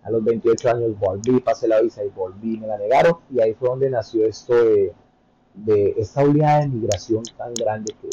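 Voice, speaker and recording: A Colombian man in his thirties, a podcast guest telling his story in a relaxed way with many hesitant fillers. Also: on the low side, highs cut off, a little hiss or hum. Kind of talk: conversational interview storytelling.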